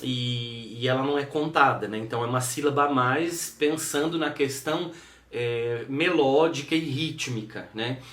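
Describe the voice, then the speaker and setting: A man with a Brazilian Portuguese accent delivers a recorded university lecture in a middle-range voice. He explains patiently and thinks aloud, pausing on fillers as he goes. The sound bounces around an echoey room. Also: mid-range voice, a bit bright. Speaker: university teacher.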